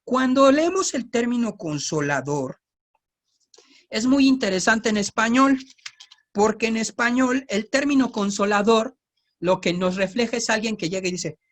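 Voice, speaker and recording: A man with a Mexico City Spanish accent gives a Bible teaching in a relaxed, chatty way. He keeps checking in with his listeners through tag questions and slips in joking asides. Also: high voice, measured pace.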